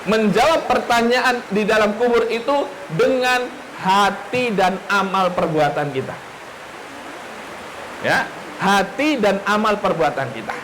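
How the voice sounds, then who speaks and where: A man's voice: sits high, lively intonation, slow, long pauses, noisy background. A man preaching a sermon who speaks straight to his listeners, asks them questions and repeats his key phrases. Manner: addresses the audience directly, asks rhetorical questions, repeats phrases. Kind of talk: sermon with storytelling.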